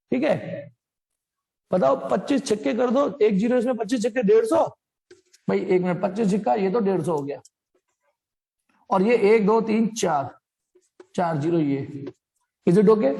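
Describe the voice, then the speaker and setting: A man's voice: extremely high pitch, vocal fry, a little mellow. A young man teaching physics, explaining a problem in a chatty, joking way, mixing in English phrases and imitating machine noises. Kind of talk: blackboard lesson explanation.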